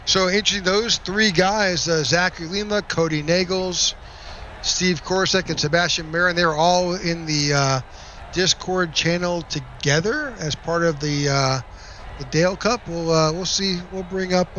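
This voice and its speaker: A man doing play-by-play race broadcast commentary, upbeat, reading out results in a steady list. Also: sits high, unhurried, lo-fi sound, slight background noise. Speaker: play-by-play announcer.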